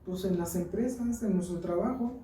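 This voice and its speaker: A woman's voice: medium pitch, moderate pace, dark tone, a little hiss or hum. A woman with a Mexican accent giving an earnest church Bible lesson, mixing teaching with personal stories. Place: church hall. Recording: echoey room, mic far off.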